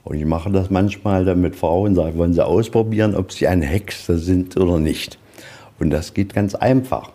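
This is a man guiding visitors through a museum, his voice low and mellow and his speed normal. His storytelling is casual and folksy, typical of an informal guided tour, and he often asks questions only to answer them himself.

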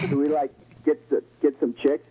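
A man doing a slow, dopey cartoon teenager on a prank call, grunting "uh" and snickering. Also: on the high side, flat delivery, warm tone, slight background noise, rough recording. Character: dim-witted teen cartoon boy, slow, snickering. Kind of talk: prank call impression on radio.

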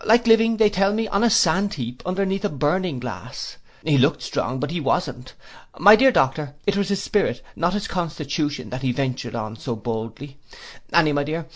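A man reading an audiobook, voicing a pompous, gushing older woman in a high, theatrical voice.

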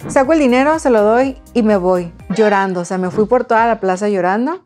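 A woman, telling a personal story to her viewers in a chatty, expressive way. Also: mid-range voice, brisk, soft background music. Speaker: vlogger. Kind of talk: casual storytelling.

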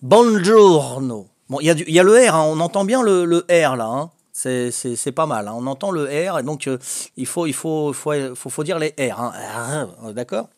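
This older vlogger, who is learning a language and has a Corsican French accent, talks casually on a home video with lively intonation at normal speed. His voice is fairly high. He hesitates a lot, fills pauses, restarts and jokes around, and the recording is dry with clean studio sound.

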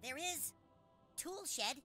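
Cartoon game boy sidekick, very bright high voice, quick, earnest. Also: lively intonation, soft background music, heavily acted. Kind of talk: animated comedy game acting.

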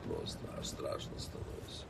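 A man in his late thirties chatting casually with fans on a livestream from inside a car in city traffic, greeting viewers by name. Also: normal speed. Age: late 30s. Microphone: phone held or mounted at arm's length. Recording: distant phone mic with street noise.

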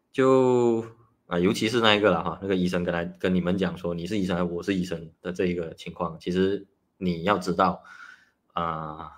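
A nutritionist hosting a casual livestream talk. He is a man who explains things in a chatty way and starts many phrases with a drawn-out "ah". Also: low voice, a bit bright. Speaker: nutritionist host.

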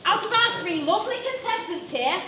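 A woman's voice: very high voice, animated, normal speed, bright, forceful tone, exaggerated voice. A woman playing a brash, cheeky dating show host in a stage comedy sketch, announcing in a showy, teasing way. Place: small brick-walled indoor stage. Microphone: camera at a distance. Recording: echoey noisy live stage recording.

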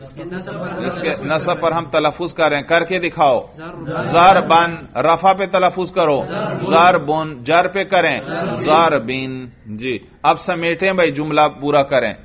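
A man from Pakistan teaching a grammar class, drilling his students with slow, patient questions and answers. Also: a little high, fairly bright tone. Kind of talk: classroom lecture with call-and-response drilling. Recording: dull lo-fi class recording.

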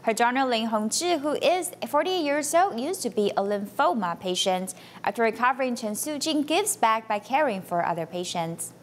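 A woman reading a scripted news voice-over in an even, measured way. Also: fairly high pitch, crowd noise. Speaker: news narrator. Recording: voice-over with loud music bed.

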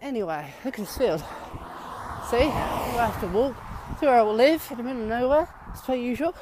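A man's voice: very high-pitched, expressive, brisk, background noise. A young man chatting casually and rambling upbeat while walking outdoors, talking into a handheld camera. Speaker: vlogger. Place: outdoors walking by fields on a sunny day.

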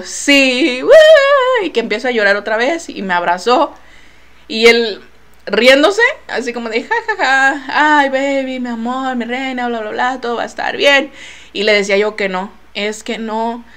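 A young woman with a Mexican accent and a smooth, slightly high voice tells her viewers a personal story in casual chat, recorded on her laptop mic. As a vlogger, she's animated, acting out what each person said and trailing off with "bla, bla, bla."

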